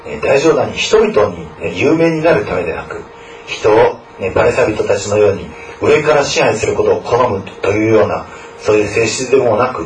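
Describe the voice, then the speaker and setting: A man preaching a sermon and leading a closing prayer, earnest and often adding a soft tag word to his phrases. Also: lowish voice, slight background noise. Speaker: pastor. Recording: roomy echo, mic at a distance, faint background ambience.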